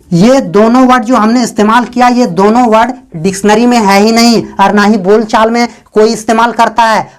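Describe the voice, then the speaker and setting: A woman teaching spoken English, explaining step by step and repeating example sentences slowly. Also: a little high. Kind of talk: spoken English lesson in Hindi.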